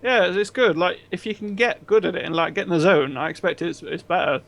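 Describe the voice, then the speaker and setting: High-voiced man in casual game chat. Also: brisk, creaky. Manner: relaxed, rambling, lots of "like" fillers. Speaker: podcast co-host.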